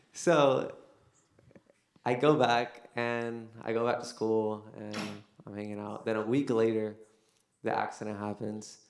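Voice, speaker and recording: Young male speaker with a gravelly low voice, loose storytelling with lots of fillers, recorded in an echoey room. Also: little pitch movement, takes it slowly, slight background noise. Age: young adult. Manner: casual storytelling, many fillers. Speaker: son giving a testimony. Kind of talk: personal faith testimony. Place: university venue.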